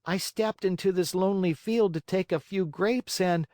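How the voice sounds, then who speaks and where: A man's voice: high voice, normal speed, a little mellow, no echo, clean studio sound, pitched above the performer's own voice, lightly acted. A man voicing a naughty wooden marionette boy in a storybook, thin and childlike, whining and pleading. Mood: sheepish.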